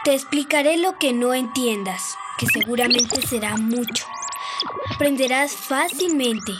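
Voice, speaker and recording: A woman's voice: high voice, a little slow, over loud music. A woman voicing a knowing female alien guide who explains patiently and with assurance in a radio drama. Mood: patient, assured. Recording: noisy recording.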